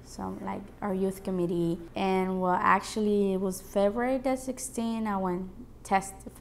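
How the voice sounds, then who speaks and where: Creaky young woman. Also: mid-range voice, steady tone, unhurried, a little hiss or hum. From El Salvador. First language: Spanish. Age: late teens. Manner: earnest, hesitant with fillers. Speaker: student activist. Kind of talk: interview testimony.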